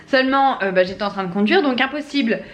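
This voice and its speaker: A woman's voice: fairly high pitch, quick pace, highs cut off. A young adult woman chatting casually in a family vlog at home, with lots of fillers and an exasperated tone. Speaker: family vlogger. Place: home, kitchen.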